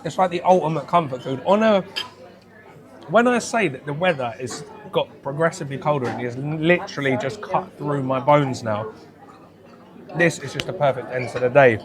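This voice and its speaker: High-voiced man hosting a food vlog. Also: moderate pace, a crowd in the background. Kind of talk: casual food vlog presenting.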